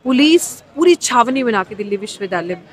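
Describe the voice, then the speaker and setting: A man's voice: very high voice, expressive, fast talker, poor audio. Man rousing supporters outside a police station. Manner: rousing and declamatory. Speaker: activist reporting from a protest. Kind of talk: on-the-spot address to supporters.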